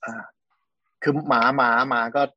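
A man's voice: unhurried, bright, forceful tone, no room sound, dull audio. A man co-hosting a casual podcast chat, explaining things step by step and often restarting his words. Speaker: podcast co-host.

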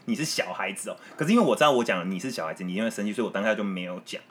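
A young man, co-hosting a podcast as casual chat in a camping tent, animated and joking. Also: fairly low pitch, very fast. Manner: animated, joking, retells quarrels. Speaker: podcast co-host.

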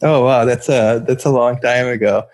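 A man's voice: medium pitch, fairly even intonation, moderate pace, a little mellow, no echo. A man from Pakistan, a psychiatrist answering interview questions in a thoughtful way, with many fillers and restarts. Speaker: psychiatrist guest.

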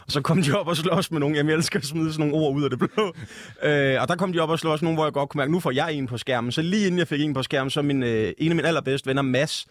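A stand-up comedian from West Zealand, Denmark, tells stories in a laid-back, casual chat full of fillers and laughter. His voice is on the high side, he pauses little, and there is no echo.

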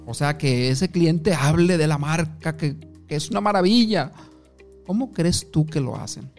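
A man's voice: on the high side, unhurried, darkish tone, soft background music. A man giving an instructive talk on communication, asking the listener questions and telling short anecdotes. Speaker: communication coach.

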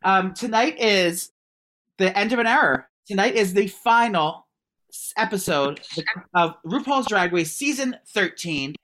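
A man's voice: sits high, animated, measured pace, bright, forceful tone. A man hosting a podcast in casual gossip chat, his voice distant because he is far from the phone mic in a bigger room. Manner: chatty, gossipy. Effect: voice far from the phone mic, held away. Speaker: podcast host. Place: larger room.

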